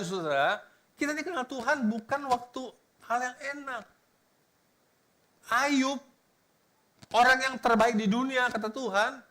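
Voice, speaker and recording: Male pastor preaching, high bright voice, goes loud then super quiet, chatty with the congregation. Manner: animated preaching that swings from loud exclamations to hushed quiet words; casual colloquial preaching that addresses the congregation directly. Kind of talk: sermon.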